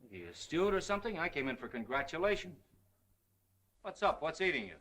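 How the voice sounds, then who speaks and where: An actor as brash low-voiced American screwball comedy reporter. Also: male voice, a little fast, fairly bright tone, lightly acted. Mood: brash, elated. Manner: wisecracking, slangy. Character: brash, cocky newspaper reporter man. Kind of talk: 1930s screwball comedy film banter.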